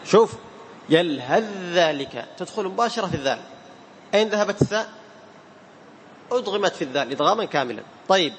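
High-voiced man teaching in a hall. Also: fairly bright tone. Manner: patient questioning, chants verses slowly. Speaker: Quran recitation teacher. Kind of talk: classroom tajweed lesson. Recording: hall reverb, faint room noise.

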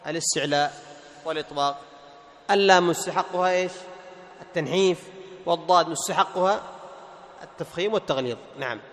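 A man teaching Quran recitation rules, asking and answering his own questions and slowly reciting examples. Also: on the high side, fairly bright tone. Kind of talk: tajweed lesson with recited examples. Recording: long hall reverb.

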